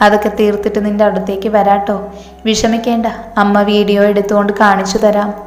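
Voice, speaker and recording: Woman reading as a scornful grieving mom out for revenge, flat level delivery, echoey room. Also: medium pitch, a little fast, close to an everyday voice. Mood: scornful grief. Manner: scornful, grief-stricken. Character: bitter vengeful middle-aged mother.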